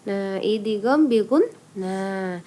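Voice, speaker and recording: A woman teaching Quran recitation rules in an online lesson. She explains patiently, step by step, poses questions and answers them herself, and draws out example syllables slowly. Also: medium pitch, animated, warm tone, a little hiss or hum.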